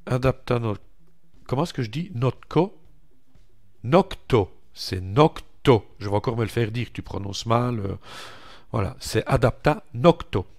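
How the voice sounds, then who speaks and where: A French-accented man with a medium-pitched voice hosts a tech tutorial, guiding viewers through a screen-recorded software walkthrough. He goes slowly and chattily in a relaxed way, calling out each click with little interjections like "voilà" and "hop."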